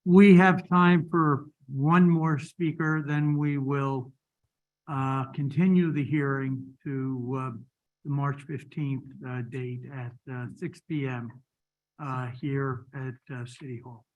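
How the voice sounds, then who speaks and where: A man chairing a city hearing, speaking haltingly with many fillers. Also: medium pitch, fairly even intonation. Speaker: meeting chair. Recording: tinny, distant phone-like line.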